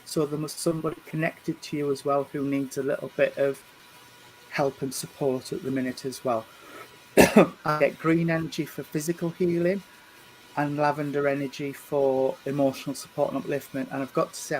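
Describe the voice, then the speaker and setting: A man, working as a medium and giving a spirit reading at a church service. He speaks gently and reassuringly, often stumbling over and repeating his words. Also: fairly high pitch, little pitch movement, moderate pace, slight background noise, rough recording. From England. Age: 50s. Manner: hesitant, repeats and restarts words.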